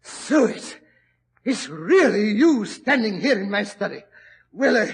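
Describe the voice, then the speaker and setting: A man's voice: high-pitched, very animated, unhurried, creaky, slight background noise, exaggerated voice. An actor playing a loyal, flustered male doctor in a 1940s radio drama, stammering through his words. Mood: excited. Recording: old lo-fi radio broadcast.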